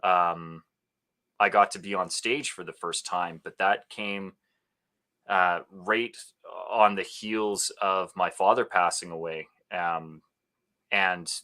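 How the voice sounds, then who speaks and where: Slow and low-pitched, a man from Alberta, Canada, shares his story as a podcast guest. He's an actor and speaker, and in this casual interview he's an animated storyteller given to bursts of laughter and acted-out quotes.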